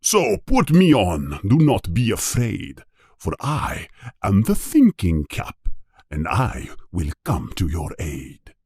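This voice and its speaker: A man voicing an ancient magical talking hat, chanting slowly and solemnly in a sing-song way, with a husky tone. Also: on the low side, wildly swooping pitch, darkish tone, dry recording, studio quality, exaggerated voice. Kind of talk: storybook reading.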